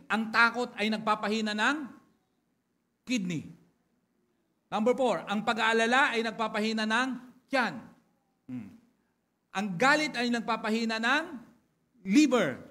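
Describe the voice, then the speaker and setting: A man preaching a sermon to his congregation, chatting casually at first, then building to louder, lively preaching. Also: sits high. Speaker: pastor.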